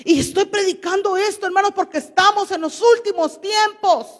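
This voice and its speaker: A woman's voice: extremely high pitch, moderate pace. A woman pastor preaching a sermon to her congregation, questioning them and reading scripture aloud. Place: church. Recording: long church hall reverb.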